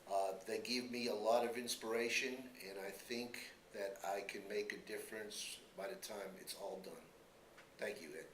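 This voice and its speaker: A man in his fifties with a fairly low voice gives interview answers for a student newscast. He is earnest and halting, often repeating himself. The room is echoey, with faint noise behind him. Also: fairly even intonation, fairly bright tone. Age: 50s. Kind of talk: student-made news interview. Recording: roomy echo, faint background noise.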